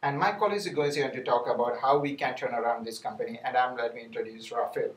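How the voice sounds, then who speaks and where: A man's voice: medium pitch, fast. A man from India, giving a team business presentation with many fillers and restarts. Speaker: student presenter. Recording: roomy, distant mic.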